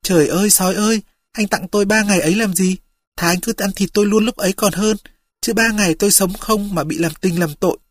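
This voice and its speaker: A timid fairy-tale rabbit with a high, husky, begging voice, put on by an audiobook reader. It pitches up well above the narration and sounds small and desperate, pleading bitterly. The sound is dry and close. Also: fast talker, dry recording, lightly acted.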